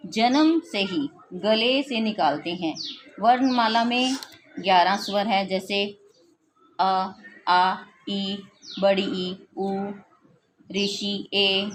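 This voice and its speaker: A woman teacher explaining a grammar lesson, pausing to give examples. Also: medium pitch, slight background noise. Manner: slow, explanatory, gives examples. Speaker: school teacher.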